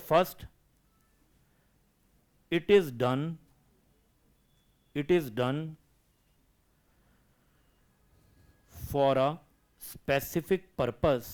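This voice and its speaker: An Indian man teaching a commerce class with a smooth, resonant voice that sits a little high. He slows down to dictate notes word by word and keeps asking the class questions. He switches freely between Hindi and English. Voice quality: Hindi-English code-mixing.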